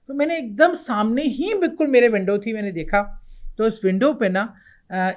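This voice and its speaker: A middle-aged woman from Pakistan, a guest in an interview, telling a personal ghost story with animated retelling and acted quotes. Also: medium pitch.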